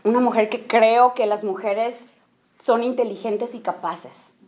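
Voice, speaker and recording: A woman's voice: a little high, steady tone, unhurried, a little mellow. A woman giving an informal church talk to women, often checking in with the audience, dropping in English phrases and acting out small scenes. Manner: acts out little quoted scenes. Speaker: speaker at a women's church gathering.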